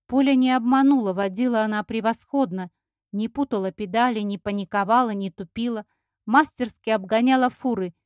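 Higher-voiced woman reading a story. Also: a little mellow, no room sound. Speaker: narrator. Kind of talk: audiobook reading.

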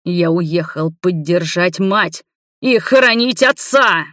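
A woman voicing a distraught man with a weak heart, shouting in slow, heavy anguish in an audiobook. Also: on the low side, no echo, studio quality, lightly acted.

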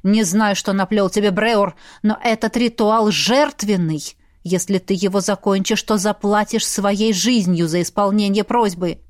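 A woman's voice: medium pitch, steady tone, measured pace, close to an everyday voice. A woman voicing an angry young male mage who barks stern commands.

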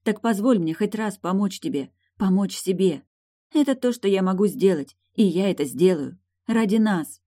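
A woman's voice: mid-range voice, animated, moderate pace, mellow, pitched above the performer's own voice, close to an everyday voice. A woman reading an audiobook voices a headstrong young princess in love, eager and insistent. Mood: passionate pleading.

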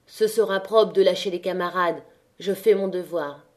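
A woman voicing a humble, gruff middle-aged miner. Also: fairly low pitch, moderate pace, lightly acted. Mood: irritated. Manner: gruff, stammering.

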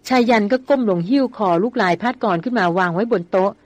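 A woman reading a novel aloud as an audiobook narrator, in a steady storytelling manner. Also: mid-range voice, a little fast, no room sound.

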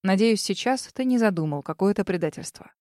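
A weary male witcher from an audiobook, dry and ironic, tired of it all, as a woman reads him. The voice sits at a medium pitch in a dry, close recording. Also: animated, a little fast, warm tone, no room sound, close to an everyday voice. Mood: wry weariness.

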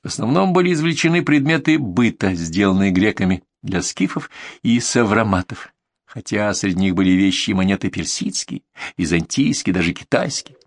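Expressive male audiobook narrator. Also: fairly low pitch, moderate pace, dry recording, studio quality. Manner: expressive storytelling. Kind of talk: scripted narration.

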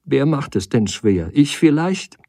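A man's voice: medium pitch, big pitch swings, unhurried, warm tone, dry recording, clean studio sound, voice pushed up. A man reading the part of a desperate woman who weeps, pleads and reproaches her lover. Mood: pleading. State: crying.

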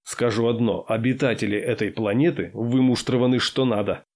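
A man's voice: mid-range voice, steady tone, moderate pace, a little mellow, lightly acted. A man voicing a timid male ship's adviser who hesitates and then lectures at length. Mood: cautious.

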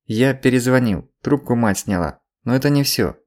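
A man's voice: medium pitch, lively intonation, moderate pace, a little mellow, lightly acted. A man reading an audiobook, voicing a panicky, breathless middle-aged man who wails down the phone. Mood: grim. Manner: wailing, rattled.

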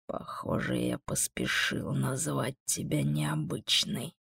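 A woman voicing a calm, mocking male demon in an audiobook, speaking slowly with a gravelly edge. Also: no echo, studio quality, full character voice. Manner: slow, low, unhurried and sardonic. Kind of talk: audiobook character voice.

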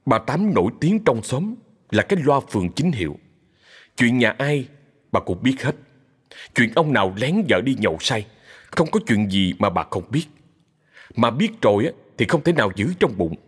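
A man narrating a dramatic folk story in a steady, expressive storytelling manner. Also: mid-range voice, moderate pace, breathy edge, big-room sound.

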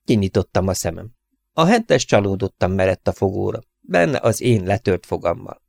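Low gravelly male audiobook narrator. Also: very animated, darkish tone, dry recording. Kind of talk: first-person audiobook narration.

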